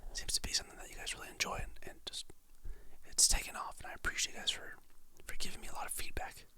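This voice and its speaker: An ASMR creator whispers the whole time in a crisp, bright, breathy tone while reading calming quotes. The pace is slow and the manner soft, relaxed, and encouraging.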